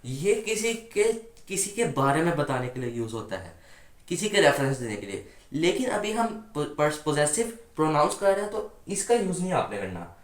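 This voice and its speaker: Brisk and sing-song, a man with a fairly high voice gives an explanatory grammar lesson in an echoey room. He patiently quizzes the class with rhetorical questions, then answers them on his own.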